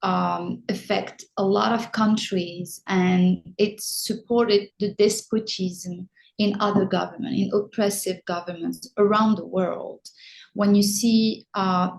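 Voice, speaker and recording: A middle-aged woman from Morocco, a film director answering interview questions with many pauses and restarts. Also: mid-range voice, a little mellow, rough recording. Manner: hesitant, many ums and restarts.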